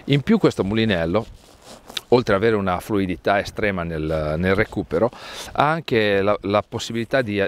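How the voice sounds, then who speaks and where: A man in his thirties presenting a fishing reel outdoors on a lakeside jetty, talking haltingly with many restarts and fillers. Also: on the low side, slight background noise. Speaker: brand angler presenting a product. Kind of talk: product demonstration talk.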